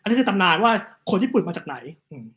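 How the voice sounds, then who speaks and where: Fast-talking high-voiced man. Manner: animated, fast storytelling with quick asides. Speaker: guest storyteller on history. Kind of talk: casual history chat.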